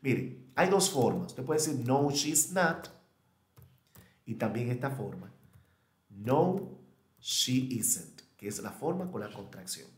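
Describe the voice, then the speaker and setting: A man giving a recorded online English lesson, thinking aloud, correcting himself and modeling question intonation. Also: on the low side. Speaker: English teacher. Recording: echoey room.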